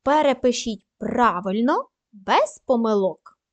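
Female primary teacher, high animated voice, unhurried dictation with plenty of praise. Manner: slow, careful dictation with frequent praise. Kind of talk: recorded lesson for young pupils.

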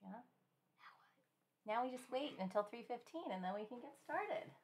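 A woman teaching a live-streamed finger painting class in a chatty, gentle way, with many fillers and small laughs. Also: fairly high pitch, expressive, normal speed, slight background noise. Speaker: art instructor.

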